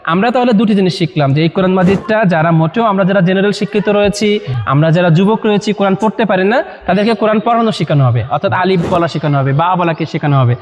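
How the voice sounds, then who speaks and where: A man's voice: high-pitched, fast, a little mellow, big-room sound, dull audio, slight background noise. A man from Bangladesh presenting a Quran edition to a group of young men, coaxing them with questions. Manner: coaxing, asks listeners questions. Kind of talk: promotional talk to a live group.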